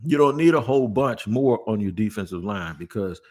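A man's voice: fairly low pitch, expressive, moderate pace. A man hosting a sports podcast, talking through roster moves in a casual, conversational way and often repeating words for emphasis. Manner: conversational, thinks aloud with restarts and emphatic repeats. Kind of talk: casual sports talk with host-read ads.

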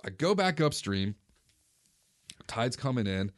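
Forties male vlogger, average pitch, relaxed first-person storyteller, dry close recording. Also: slow, dry recording. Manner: relaxed, conversational recounting. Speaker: fishing vlogger.

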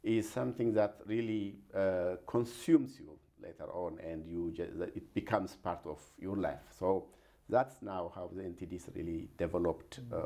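A man's voice: deep voice, warm tone. A man from Ethiopia with an Ethiopian accent, telling his story in an interview, earnest and hesitant with many fillers. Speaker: guest, regional health program director.

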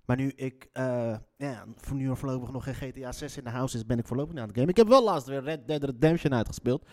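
A man's voice: mid-range voice, quick pace, warm tone. Casual Leiden-accented man, rambling. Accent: Leiden Dutch, slightly Moroccan-tinged. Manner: loose, swearing, tangents, mock-exaggerated accent. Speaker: show host reading the newspaper.

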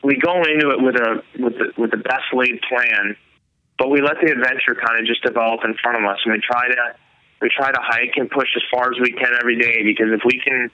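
A man's voice: medium pitch, fairly even intonation, a little fast, no echo, lo-fi sound. A man who makes hunting films, explaining his process in a casual interview, rambling with fillers and restarts. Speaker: hunting filmmaker guest.

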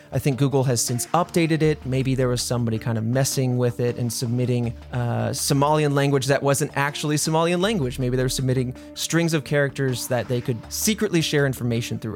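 A man hosting a podcast, explaining a story in a casual, conversational way. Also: fairly high pitch. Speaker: podcast host.

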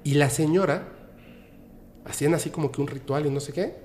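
Un hombre con acento mexicano cuenta una anécdota de forma animada e informal, imitando las voces de la gente que cita. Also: male voice, on the high side, fairly quick, a little hiss or hum. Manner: animated, acts out the people he quotes, laughs often. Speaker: podcast guest. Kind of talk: casual storytelling.

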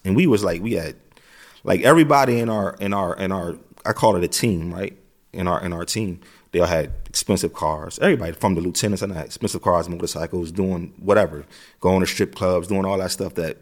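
Man, middle-aged, American, lowish voice, streetwise storytelling, repeats himself. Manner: streetwise, repeats phrases, frequent "you know what I'm saying". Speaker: interview guest. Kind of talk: casual storytelling.

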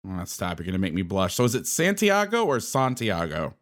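A middle-aged man hosting a coaching podcast, talking casually in quick, upbeat patter. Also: low voice, expressive. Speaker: podcast host.

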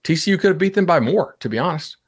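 A man talking casually on a podcast as a sports betting analyst, animated and chatty with lots of fillers. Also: fairly high pitch, quick pace, husky.

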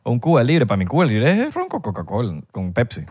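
A man with a Venezuelan Spanish accent chats loosely with his co-host, full of jokes and playful banter. His voice sits at an ordinary middle pitch, relaxed and conversational. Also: quick pace, slightly rough. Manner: joking, chatty banter with friend. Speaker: podcast co-host. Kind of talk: casual chat.

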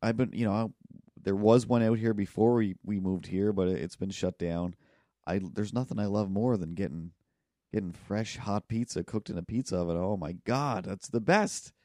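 A man, co-hosting a podcast, telling a long rambling story in casual chat and acting out people yelling in loud bursts. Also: on the low side, normal speed, dry recording, studio quality. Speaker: podcast co-host.

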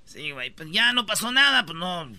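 Animated bright-voiced radio host. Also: male voice, sits high, normal speed. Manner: animated, shouts and acts out voices in his stories. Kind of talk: comedic radio banter.

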